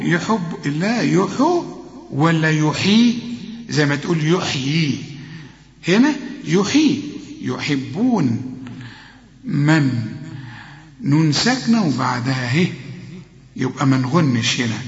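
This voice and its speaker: A man with an Egyptian accent teaching Quran recitation, explaining rules step by step and chanting slow, drawn-out examples while quizzing his student. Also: on the high side. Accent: Egyptian Arabic. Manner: talks straight to the student, correcting and quizzing. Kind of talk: tajweed lesson. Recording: echoey hall, dull lo-fi sound.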